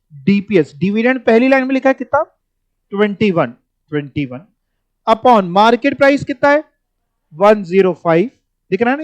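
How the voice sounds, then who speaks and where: A man's voice: high voice, dry recording. A man teaching a finance class, explaining formulas step by step, repeating key words and asking students to follow along. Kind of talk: classroom lecture. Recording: dull, dry lo-fi recording.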